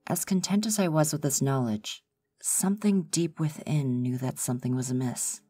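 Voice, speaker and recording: Very low, dark-voiced woman narrator. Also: slightly rough. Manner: measured, formal storytelling. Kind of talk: ASMR horror story reading.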